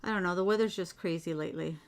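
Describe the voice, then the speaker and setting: A woman's voice: on the low side, fast. A middle-aged woman chatting casually at home while doing beadwork, rambling and reading out viewer comments. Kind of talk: casual livestream chat while beading.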